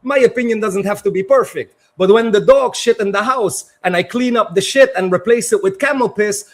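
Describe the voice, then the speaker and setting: A man speaks in a high voice for a man. He chats wryly, with a joking, argumentative edge, in casual street conversation. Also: fairly quick. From Netherlands.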